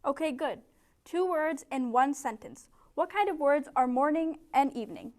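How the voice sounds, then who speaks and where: A young woman with a high voice leads a small-group English lesson in a classroom, giving clear, encouraging instructions. She is picked up by a camera set some way off. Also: lively intonation, normal speed, darkish tone. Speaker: ESL tutor.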